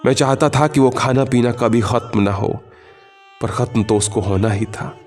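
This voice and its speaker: A man narrating a literary short story in the first person, in a measured, literary reading with quiet emotional shifts. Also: mid-range voice, soft background music.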